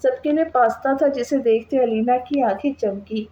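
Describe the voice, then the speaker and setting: A woman narrating a romance novel as an audiobook in an even storytelling manner. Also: fairly high pitch, moderate pace, highs cut off, slight background noise.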